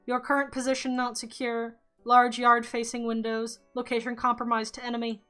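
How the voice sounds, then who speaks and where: A woman's voice: a little high, monotone, normal speed, sharp tone, faint music behind. A woman voicing a paranoid teenage boy in a put-on robotic voice, speaking in terse, clipped radio talk. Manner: terse, clipped, ends each turn with "over". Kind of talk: reading a story game aloud.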